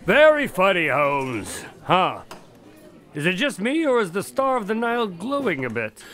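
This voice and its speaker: A man playing an earnest, exasperated doctor and detective's sidekick in an audio drama, animated, incredulous and sarcastic. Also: high voice, measured pace, full character voice. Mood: sceptical, exasperated.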